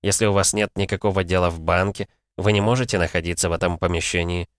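Guy reading a stiff polite bank clerk dude, firm, low and dry. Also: fairly even intonation, quick pace, no room sound, close to an everyday voice. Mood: politely stubborn. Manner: courteous and firm.

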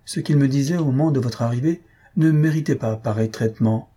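A man reading aloud and voicing an earnest young woman who explains herself calmly. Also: medium pitch, brisk, slightly rough, pitched above the performer's own voice, lightly acted. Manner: calm, explaining, a little amused.

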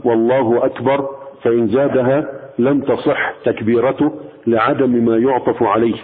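Egyptian sheikh on a tinny, echoing recording. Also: male voice, medium pitch, breathy edge. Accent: Egyptian Arabic. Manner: explains patiently, slowly demonstrating pronunciations. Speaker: sheikh teaching jurisprudence. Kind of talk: recorded religious lesson. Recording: tinny phone-like sound with long reverb.

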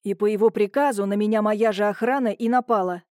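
Woman reading gruff blunt big brother, curt and growly, mellow dry audiobook voice. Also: medium pitch, fairly even intonation, fast, no room sound, close to an everyday voice. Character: gruff blunt man, protective older brother. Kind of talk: audiobook character voicing.

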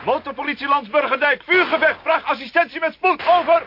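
A man's voice: very high-pitched, a little fast, dull audio, noisy background. An actor playing a male police officer making an urgent, clipped police radio call for backup and signing off with "over". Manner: terse, clipped, ends calls with "over".

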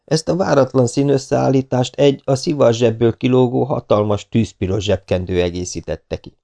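A man narrating an audiobook in a steady, measured reading. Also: medium pitch, vocal fry.

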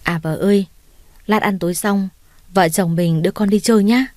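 A caring young man in an audio story, gentle and reassuring with his fiancée. A woman voices him plainly. The sound is dry and close. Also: mid-range voice, steady tone, moderate pace, no echo, lightly acted. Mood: tender. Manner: reassuring, affectionate.

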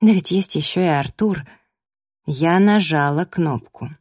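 A woman reading a first-person audiobook in a lively, expressive storytelling manner, close to the mic. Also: low voice, a little slow, dry recording. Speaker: audiobook narrator.

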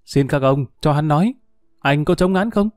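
A man's voice: on the high side, animated, normal speed, a little mellow, no room sound, clean studio sound, faint music behind, natural voice. A man voicing a male newspaper reporter asking insistent questions.

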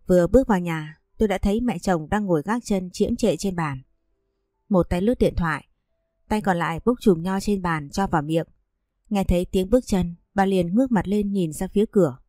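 A woman narrating a first-person story in a steady storytelling manner. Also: on the low side, no echo, clean studio sound.

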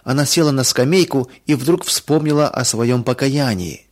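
Calm male storyteller. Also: medium pitch, normal speed. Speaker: narrator.

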